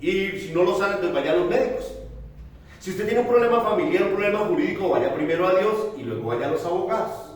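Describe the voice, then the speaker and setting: A man's voice: sits high, expressive, a little fast, a little hiss or hum. A man preaching a sermon in a plain, conversational way, asking questions and answering them himself. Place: church hall. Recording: very echoey room, voice from a distance.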